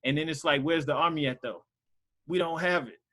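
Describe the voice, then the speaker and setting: Over a video call, a man casually teaches Sunday school, talking loosely and filling his speech with lots of fillers. His voice is a little high and a little fast, with a sharp tone.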